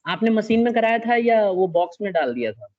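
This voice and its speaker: A man's voice: sits high, sing-song, a little fast, lo-fi sound. A male teacher giving a classroom lecture, explaining step by step, often checking that the students follow and mixing English terms into his speech.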